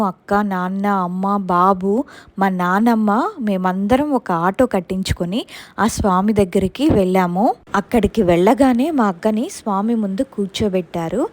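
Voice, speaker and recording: A woman's voice: medium pitch, a little mellow, no echo. A woman narrating a true ghost story from her family, voicing the people in it. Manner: plain retelling, acting out quoted voices.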